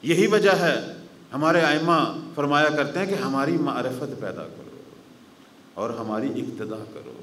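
A man giving a mourning-gathering sermon as a religious scholar, telling stories dramatically and swinging between raised declamation and hushed grief. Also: a little high, lively intonation, a little hiss or hum. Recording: roomy hall echo.

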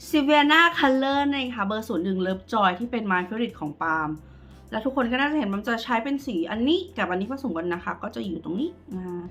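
A woman doing a casual makeup review vlog, chatting to viewers like friends in a slangy way. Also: a little high. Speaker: beauty vlogger.

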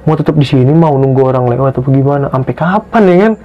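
A young man tells a true ghost story from a hike as a guest in casual talk. He gets excitable and keeps addressing the host as "Bang". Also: fast talker. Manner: excitable, pitch jumps when tense, keeps calling the host "Bang". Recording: dull lo-fi podcast recording.

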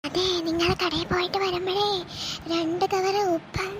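Woman doing a shrill nagging cartoon wife. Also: little pitch movement, moderate pace, background noise. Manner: chatty, nagging, exasperated. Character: young wife and mother, fussy and complaining. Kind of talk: cartoon voice acting.

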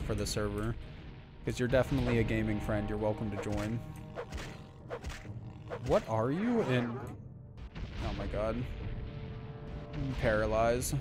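Young male game streamer, casual and rambling, mid-pitched voice, faint game music underneath. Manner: rambling and relaxed, heavy on filler words. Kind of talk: casual live-stream chat while playing.

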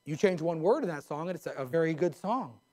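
A man in his forties, a pastor preaching from a pulpit in a church sanctuary, animated and gesturing. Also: on the high side, fast. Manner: animated, gesturing at a pulpit, mimics others in a raised voice. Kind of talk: sermon. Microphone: pulpit mic.

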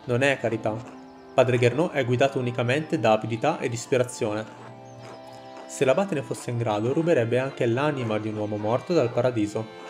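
A man voicing an indignant peasant leader in a game, rousing a village crowd with solemn, measured oratory. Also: medium pitch, a little mellow, soft background music, natural voice. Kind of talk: game dialogue read aloud.

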